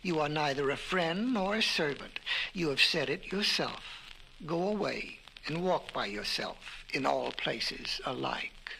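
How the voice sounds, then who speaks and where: A man's voice: fairly high pitch, lively intonation, measured pace, creaky, bright, forceful tone, a little hiss or hum, heavily acted, poor audio. A man voicing a wise, mocking cave woman in a storybook reading on an old vinyl record, speaking in a firm, teasing way. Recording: vintage vinyl record with music.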